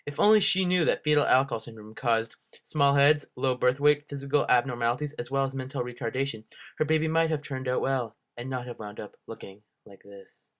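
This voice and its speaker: A woman's voice: rumbling low, fairly quick. A woman playing a mock-solemn presenter of a children's sock puppet show, narrating in a goofy educational style.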